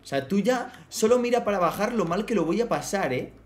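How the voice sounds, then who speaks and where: High-voiced, animated, and brisk, a man plays a block-building game on stream. He banters with his chat and talks to his in-game pets, his horse among them, in a playful, casual way.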